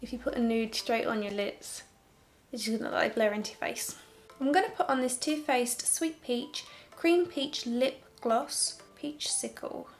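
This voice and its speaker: A young woman walks through her makeup routine in a chatty, candid tone, dropping wry, sarcastic asides along the way. Her voice sits a touch high, and soft music plays faintly in the background. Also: moderate pace. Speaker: makeup tutorial host. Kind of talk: casual makeup tutorial narration.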